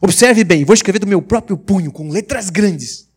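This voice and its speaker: A preacher playing a stern, indignant old apostle. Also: male voice, high voice, expressive, moderate pace, husky, pitched above the performer's own voice. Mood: firm. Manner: vehement, scolding, raised voice. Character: stern indignant older male apostle, exasperated. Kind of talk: sermon with acted quotations.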